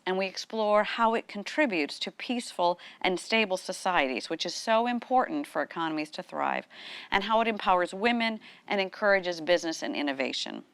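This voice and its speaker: Smooth-voiced woman presenting. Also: mid-range voice, a bit bright, no echo. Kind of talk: prepared presentation.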